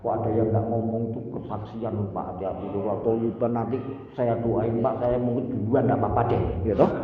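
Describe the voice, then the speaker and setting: An older man giving a lively, joking sermon and putting questions to the listeners. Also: fairly low pitch, fairly quick. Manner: lively, jokey, questions the audience. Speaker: preacher. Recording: echoey hall, far from mic, tinny.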